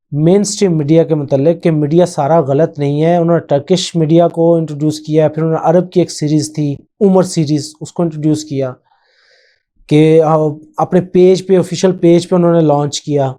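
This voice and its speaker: A man hosts his own channel in relaxed, off-the-cuff commentary. His voice sits somewhat high, yet the tone is deeply mellow and unforced. He rambles with frequent hesitations and drops English phrases into his talk. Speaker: channel host. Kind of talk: casual spoken commentary.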